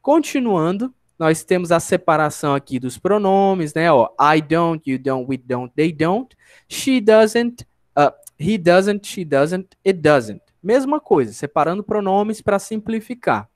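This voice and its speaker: Lively Brazilian man teaching English. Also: high voice, no room sound. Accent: Brazilian Portuguese. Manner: explains step by step, asks rhetorical questions and answers them; slow, drawn-out model phrases for students to repeat. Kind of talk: online grammar lesson.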